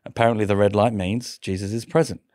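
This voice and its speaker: A man, an interview guest, telling a personal conversion story in a lively way, laughing often and stumbling over restarts. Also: on the low side, fast, no echo, clean studio sound.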